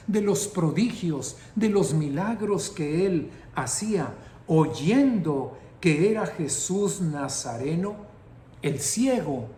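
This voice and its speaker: A middle-aged man preaching an impassioned sermon that builds to shouting. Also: high-pitched, slight background noise. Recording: roomy echoing room.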